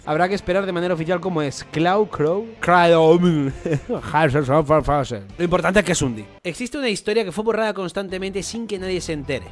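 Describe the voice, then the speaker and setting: Excitable high-voiced man from Spain. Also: fairly quick, soft background music. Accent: Spain Spanish. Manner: excitable, swears freely, bursts into shouts. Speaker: anime reaction host. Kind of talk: reading manga aloud with live reaction commentary. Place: home, floor above construction work.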